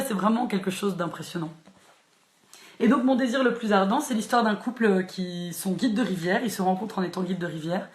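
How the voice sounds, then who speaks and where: Chatty woman in an echoey room. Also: mid-range voice. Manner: chatty, frequent fillers and restarts, laughs easily. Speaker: librarian hosting a live book chat. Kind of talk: casual live-stream book talk. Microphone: phone or laptop live stream.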